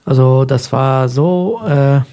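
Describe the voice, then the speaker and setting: A man in his thirties from Afghanistan, a guest on a local radio show, speaks in a slow, warm voice of medium pitch. He tells his story hesitantly, using many fillers, in casual interview talk.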